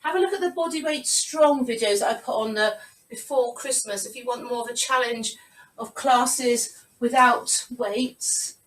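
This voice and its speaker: Woman, fitness instructor, high voice, roomy video-call sound. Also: moderate pace, a bit bright, far from the mic. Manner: encouraging, counts reps aloud. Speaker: Pilates instructor. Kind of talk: live online fitness class. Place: room at home, on a video call.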